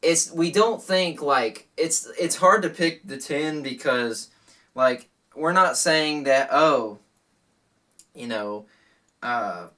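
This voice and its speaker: A man's voice: on the high side, slow, a bit bright, distant mic. A young man co-hosting a casual chat, laughing often and full of fillers and restarts. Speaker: co-host.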